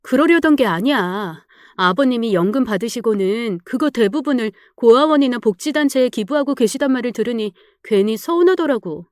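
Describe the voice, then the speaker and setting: A young wife speaks in a fairly high, pleading voice, slowly excusing herself, as an actress plays her out. She sounds defensive and flustered. The recording is dry and close-miked. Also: expressive, no room sound, close to an everyday voice.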